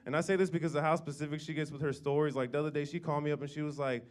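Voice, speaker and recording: A man's voice: a little high, fairly even intonation, rapid-fire. A young man doing a stand-up set in a comedy club, dry crowd work that breaks into mock outrage. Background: audience laughter.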